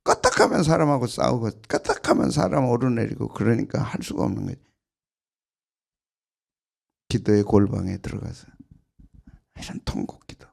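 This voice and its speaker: A man preaching an early-morning prayer sermon as senior pastor, emphatic and repetitive, with sudden loud bursts and soft drops. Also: medium pitch, wildly swooping pitch, moderate pace, creaky, long pauses, slightly rough.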